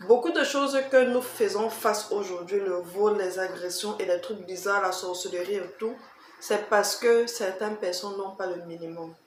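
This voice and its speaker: A woman with a Cameroonian accent answers tag questions for a casual vlog, speaking emphatically, repeating herself and throwing in rhetorical questions. Her voice is mid-range and moderately paced, with a little hiss or hum, a roomy echo and faint background music.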